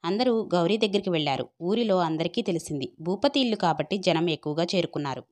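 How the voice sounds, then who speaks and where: A woman narrating an audio story in a steady storytelling manner. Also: lowish voice, quick pace. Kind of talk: scripted narration.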